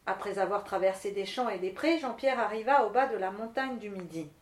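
A woman's voice: medium pitch, expressive, brisk. Woman reading a tale, roomy echo. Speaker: storyteller. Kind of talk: storybook narration.

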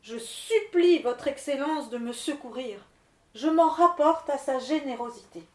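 A woman's voice: high-pitched, unhurried, echoey room, voice pushed up. A woman voicing a humble, timid male miller who pleads and stammers before a powerful spirit in a storybook. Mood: pleading. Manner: stammering, deferential.

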